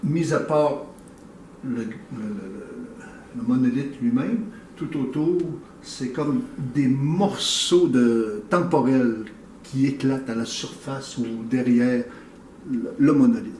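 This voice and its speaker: A man who explains his painting thoughtfully and hesitantly, with many pauses. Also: mid-range voice, darkish tone, a little hiss or hum. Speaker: painter, interview guest. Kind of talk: casual explanation. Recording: echoey room, mic at a distance.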